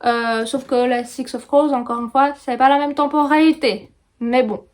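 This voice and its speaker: A woman in her thirties with a Belgian French accent, chatting casually about books in a vlog, with many pauses and fillers. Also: sits high, fairly even intonation. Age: 30s. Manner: chatty, hesitant with frequent fillers. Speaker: book vlogger. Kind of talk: casual book review vlog. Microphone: phone.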